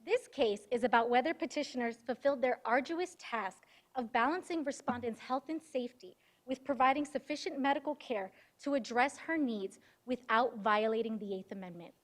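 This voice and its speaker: A woman's voice: fairly high pitch, moderate pace. A young woman law student delivering a formal, rehearsed oral argument as counsel in a moot court. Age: young adult.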